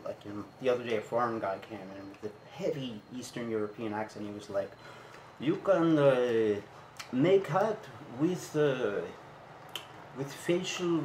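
A man's voice: lowish voice, reverberant, slight background noise, rough recording. A man who owns a hat shop, talking casually and explaining hats while he demonstrates them in his shop. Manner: relaxed, chatty, demonstrates hats as he talks.

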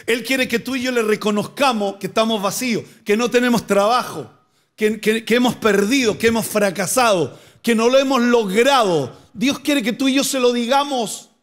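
A man's voice: very high-pitched, moderate pace, fairly bright tone. A male pastor preaching a sermon, asking rhetorical questions and building to emphatic repeated phrases. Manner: preaching with rising emphatic bursts and repeated words.

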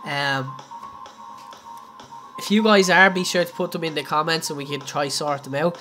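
This young Irishman's voice is a little high, pushed and bright, moving at a moderate pace. He laughs frequently and talks directly to his audience while casually walking them through a building tutorial on a game live stream, faint music playing underneath.

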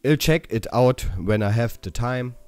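A man giving a casual game walkthrough, haltingly reading out English dialogue options and correcting himself as he goes. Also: medium pitch, a little mellow, smooth, no room sound. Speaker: gaming channel host.

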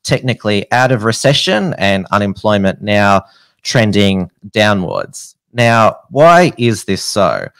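A man's voice: on the low side, big pitch swings, slow, a bit bright, dry recording. An Australian man in his thirties hosting an interview, with many fillers and restarts. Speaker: host. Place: home studio. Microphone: studio mic on a boom arm.

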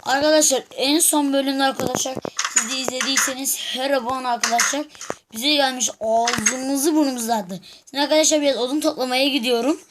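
A woman with a fairly high, somewhat muffled voice chats through a game, addressing her viewers in halting, restarting sentences. The recording comes from a phone and carries a clear bed of background noise. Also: steady tone. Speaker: gaming video creator. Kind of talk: casual game commentary.

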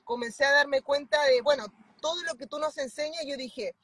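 A woman's voice: high-pitched, normal speed, fairly bright tone, no room sound. A woman in her thirties with a Chilean accent, speaking fervently on a video call from inside a car. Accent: Chilean Spanish. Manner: fervent, emphatic. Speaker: mentoring client. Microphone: phone at arm's length.

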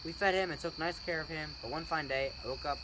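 A man's voice: fairly high pitch, quick pace, lightly acted. A teenage boy acting as a cocky, teasing Athenian boy talking about his childhood in a school project drama. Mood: telling. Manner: teasing, blunt. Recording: noisy outdoor recording with crickets.

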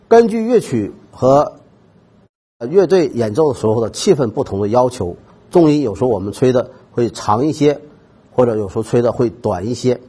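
A trumpet teacher with a medium-pitched, warm, slightly rough voice narrates a music lesson. He explains technique patiently and stresses the key points.

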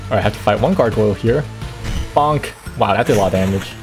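A man streaming a game, chatting casually and thinking aloud with quick reactions. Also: lowish voice, faint music behind. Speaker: gaming streamer.

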